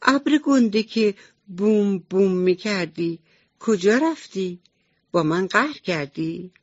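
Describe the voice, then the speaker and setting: A woman voicing a timid, whiny little mouse child on a radio bedtime story, in a high childlike pleading voice. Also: animated, dry recording, close to an everyday voice. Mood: calling. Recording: slightly dull radio recording.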